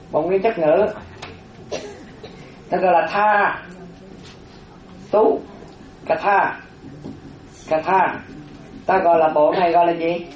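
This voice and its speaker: A Buddhist monastic teaching a dharma class, slowly repeating terms for note-taking, with chatty asides. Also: medium pitch. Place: classroom with a board. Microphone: distant room microphone. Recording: roomy, distant, dull lo-fi room recording.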